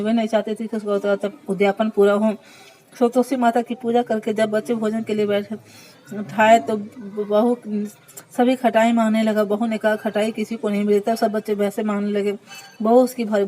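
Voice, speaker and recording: Lady reading out a devotional story, very flat even tone, trips on words and fixes them. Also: mid-range voice, poor audio. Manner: reads steadily, often stumbling and correcting herself. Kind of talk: reading aloud a devotional fasting tale.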